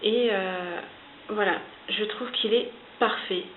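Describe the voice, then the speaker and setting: A woman's voice: mid-range voice, slow. A French woman reviewing makeup in a chatty, hesitant way. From France. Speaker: beauty vlogger. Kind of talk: casual product review. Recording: hissy lo-fi home video, phone-like.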